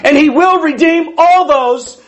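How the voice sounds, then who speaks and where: A wheezy man in his fifties preaches in a conversational, animated style. His voice sits well above most men's. He drives points home by repeating phrases and asking the congregation questions. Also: very high voice, unhurried. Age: 50s. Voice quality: wheezy breathing from a past tracheotomy. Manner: emphatic, repeats key phrases, asks listeners questions.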